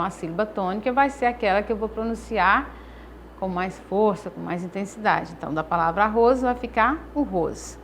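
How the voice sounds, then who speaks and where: A Brazilian woman teaching a Portuguese class. She speaks slowly, stresses each syllable and repeats her phrases. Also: on the high side, a little hiss or hum. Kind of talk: recorded class lesson.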